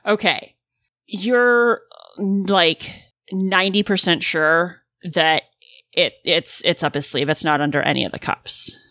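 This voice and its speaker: Female game master, informal tabletop narration. Bright voice, close dry sound. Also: on the low side, slow, dry recording.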